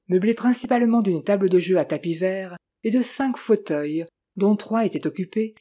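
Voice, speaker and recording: A narrator reading a novel aloud in an even, measured way. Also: mid-range voice, slightly rough. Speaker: audiobook narrator.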